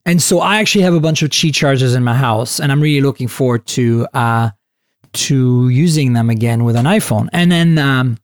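A man hosting a casual tech podcast, talking in an animated, chatty way with lots of fillers and restarts. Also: medium pitch, normal speed, no echo, studio quality. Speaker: podcast host.

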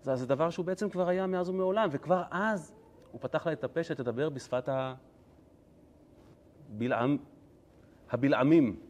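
A male rabbi giving a Torah lesson, telling the story in an animated, humorous way. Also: a little high, pauses often.

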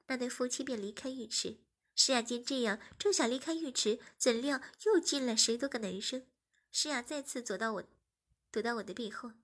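A woman reading a story aloud in soft, even scripted narration. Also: fairly high pitch. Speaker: story reader.

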